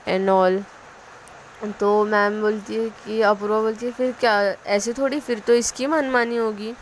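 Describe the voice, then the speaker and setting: Young woman telling a story in a flat voice, lots of uh's, faint hum behind. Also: medium pitch. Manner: retells a story with quoted dialogue in a flat, even tone, frequent fillers. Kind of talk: casual story narration.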